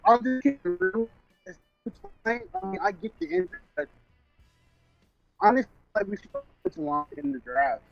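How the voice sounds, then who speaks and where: Male caller, high animated voice, sound muffled as if through a wall on a dull phone line, halting delivery. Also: creaky, no room sound, soft background music. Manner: halting, with many fillers and restarts. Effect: muffled, as if heard through a wall. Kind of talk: casual call-in chat about football.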